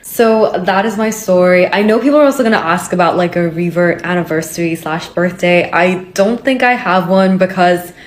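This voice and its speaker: A woman's voice: on the low side, moderate pace, few pauses. A young woman from Hong Kong, a vlogger telling her personal story in a candid, chatty way with many fillers. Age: young adult.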